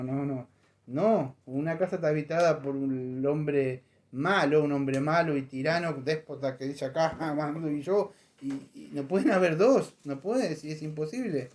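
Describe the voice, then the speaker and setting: A man preaching a conversational sermon in a church, animated and acting out voices in his stories. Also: on the high side, normal speed. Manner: animated, acts out voices in anecdotes. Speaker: pastor.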